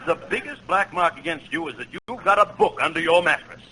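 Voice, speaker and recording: A man's voice: a little high, expressive, a little fast, close to an everyday voice. A man acting a blustery, scolding old Santa Claus with theatrical reproof, on a noisy 1940s radio comedy recording.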